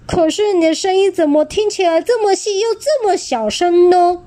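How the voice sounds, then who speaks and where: A woman voicing an injured young male tyrannosaurus in a storybook reading, stammering and whiny in high tones. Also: lively intonation, moderate pace, mellow. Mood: puzzled. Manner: stammering, whiny when hurt.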